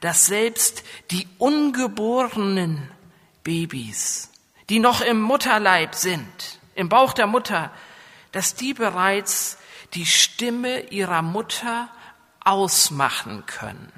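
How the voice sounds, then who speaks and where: Pastor with a northern coastal accent, hall reverb. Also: male voice, sits high, sing-song, slow, pushed and bright. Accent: northern German coastal. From northern Germany. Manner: preaching with rising emphatic passages, asks the congregation questions. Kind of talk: sermon. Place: church. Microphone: microphone.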